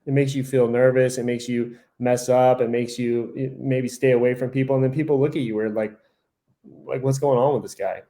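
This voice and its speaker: A man's voice: mid-range voice, steady tone, fairly quick, dark tone. A man co-hosting a podcast in casual chat, rambling with lots of "like" and self-corrections, acting out his own thoughts in quoted asides. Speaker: podcast co-host.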